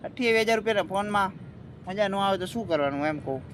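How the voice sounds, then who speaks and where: A man's voice: high-pitched, expressive, fast talker, noisy background. A young man vlogging outdoors on a walk, chatting and teasing a friend, filmed on a phone. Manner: chatty, teasing, addresses viewers directly. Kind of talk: casual walking vlog. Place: outdoors by a riverfront. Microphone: phone held by a friend.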